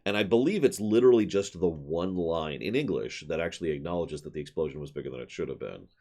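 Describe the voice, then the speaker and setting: Male streamer, deep and expressive, casual opinionated commentary with dry wit. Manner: opinionated, wry. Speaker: streamer playing and commenting on a game.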